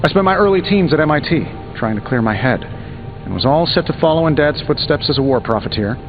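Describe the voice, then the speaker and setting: An American man playing a cocky, sarcastic superhero inventor with glib, quick-witted banter in a video game. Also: on the high side, lively intonation. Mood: glib, self-mocking. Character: cocky, wisecracking male superhero inventor in armour. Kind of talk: video game dialogue acting. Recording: dull game audio with music behind.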